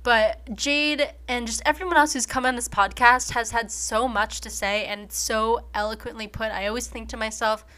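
Woman, twenties, podcast host, crisp bright tone, upbeat, chatty. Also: fairly high pitch, fairly even intonation, normal speed, few pauses. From United States. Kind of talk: casual podcast interview.

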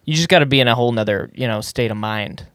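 A man with an average-pitched voice chats easily about a film, agreeable and loose, often restarting his sentences. The sound is dry and close, with no room in it. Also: fast talker, fairly bright tone, dry recording. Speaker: podcast co-host. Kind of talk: casual movie review chat.

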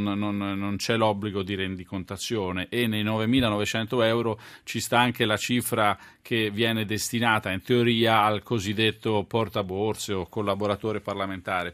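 A man's voice: fairly low pitch, a bit bright. A man giving spontaneous radio commentary as a journalist, hesitating and repeating phrases.

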